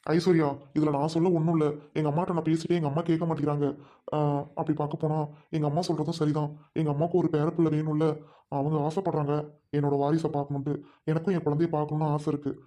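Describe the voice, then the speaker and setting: A man's voice: a little high, fast, natural voice. A man playing a firm, unmoved husband in a family drama skit. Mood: cold. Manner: flat, firm, matter-of-fact.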